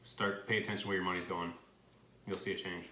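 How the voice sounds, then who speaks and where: A man's voice: low-pitched, flat delivery, a little fast, sharp tone. A man chatting earnestly on a casual vlog, repeating his point. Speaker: guest, boyfriend. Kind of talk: casual chat. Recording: echoey room, faint noise.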